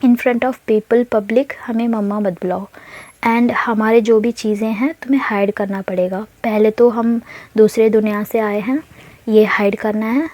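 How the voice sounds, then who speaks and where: A woman voicing a calm alien mother who explains rules step by step. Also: fairly high pitch, a little slow, no echo. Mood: instructive.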